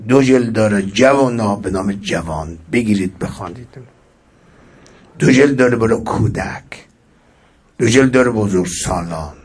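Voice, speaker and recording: A man delivering a religious sermon with a husky voice, reciting verses and swinging between sudden loud rises and soft drops. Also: fairly low pitch. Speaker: preacher.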